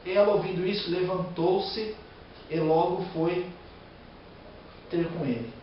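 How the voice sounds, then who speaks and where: A man's voice: on the high side, heavy reverb, distant mic, dull audio, slight background noise. A man preaching a sermon with a Brazilian Portuguese accent, reading scripture aloud and breaking into emotional, rising outbursts.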